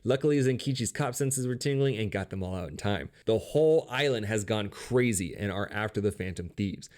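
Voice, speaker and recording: A man's voice: on the low side, lively intonation, fairly quick, a little mellow. Sarcastic, wisecracking male narrator. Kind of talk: casual comedic game story recap.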